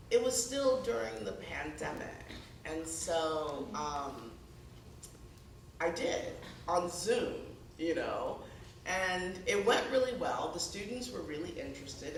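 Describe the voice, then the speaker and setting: A middle-aged author, born in Ghana and moved to the US at six, gives a conversational talk as a guest speaker at an indoor high school event space. Her lowish voice has vocal fry, and she tells anecdotes with animation, acting out the dialogue. The room is echoey, the mic distant, and there's background noise.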